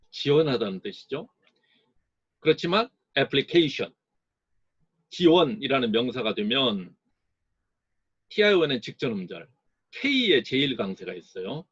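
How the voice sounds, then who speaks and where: A man giving a recorded lecture as an English teacher, explaining slowly and sounding out words to model their stress. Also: medium pitch, a bit bright, husky, no echo, muffled recording.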